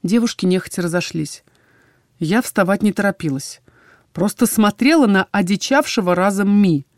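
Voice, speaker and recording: A woman tells a first-person fantasy story with lively, dramatic storytelling. Her voice sits at a middle pitch. The recording is close and dry, with no room sound. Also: normal speed, no echo. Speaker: audiobook narrator.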